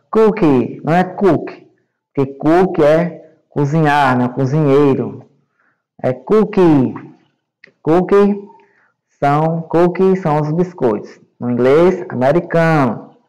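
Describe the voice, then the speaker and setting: A Brazilian male English teacher giving a recorded online class to young students, explaining slowly and patiently and checking understanding often. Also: fairly high pitch, a little mellow, rough recording. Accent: Brazilian Portuguese. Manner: repeats words and checks with "né?" and "certo?".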